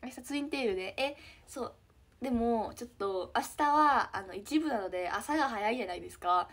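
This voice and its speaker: A teenage girl with a Kansai accent chatting casually with fans on a live stream, giggly and trailing into soft murmurs. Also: on the high side, animated, a little fast. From Hyogo, Japan. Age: teens. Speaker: idol trainee streaming to fans.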